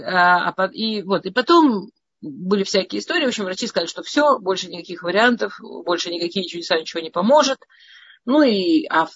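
A woman's voice: lowish voice, slightly rough, no room sound, lo-fi sound. A middle-aged woman from Russia casually telling her life story in a meandering way, often restarting and stammering over words.

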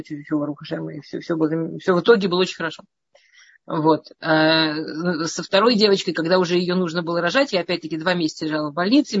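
A woman's voice: lowish voice, slightly rough, no room sound, lo-fi sound. A middle-aged woman from Russia casually telling her life story in a meandering way, often restarting and stammering over words.

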